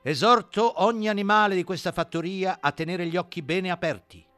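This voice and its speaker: A man putting on a shrill, scheming pig propagandist. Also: animated, moderate pace, a bit bright, no echo, soft background music. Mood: fervent. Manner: shrill, emphatic, wheedling preaching. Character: sly propagandist male pig, shrill and insistent.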